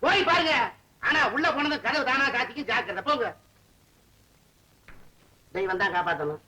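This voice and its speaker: An actor playing a scheming, quick-witted comic man in an old film, talking in fast wheedling banter. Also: very high-pitched, sing-song, pushed and bright, heavily acted. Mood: teasing. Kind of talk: 1970s Tamil film acting. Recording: noisy old film soundtrack.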